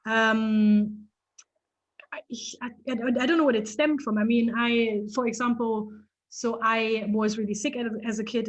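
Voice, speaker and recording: A woman from East Germany, a photographer, telling stories in a casual interview with lively restarts and laughter. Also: a little high, rough recording. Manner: animated storytelling, frequent restarts and laughs.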